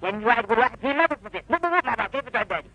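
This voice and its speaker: A man's voice: very high voice, expressive, rapid-fire, creaky, bright, forceful tone, low-quality recording. A man preaching fervently to an audience, pressing them with rhetorical questions.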